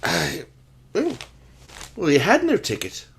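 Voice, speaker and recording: Casting: male actor as earnest doctor companion and narrator, fairly high voice, animated storytelling for radio mystery. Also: slow pace, gravelly, a little hiss or hum, full character voice. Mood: earnest, hesitant. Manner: storytelling, expressive. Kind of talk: radio drama narration and dialogue.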